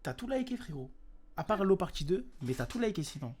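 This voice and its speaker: A man's voice: high-pitched, sing-song, a little fast, a crowd in the background. A young man, co-hosting a livestream and teasing his friend in casual slang. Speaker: stream co-host. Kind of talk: casual chat reacting to an album.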